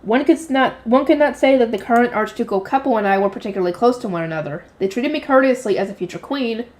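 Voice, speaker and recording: A woman's voice: fairly high pitch, expressive, fast talker, a little mellow. A woman reading a light novel aloud, unrehearsed, often slipping and correcting herself. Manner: unrehearsed reading with frequent slips and self-corrections.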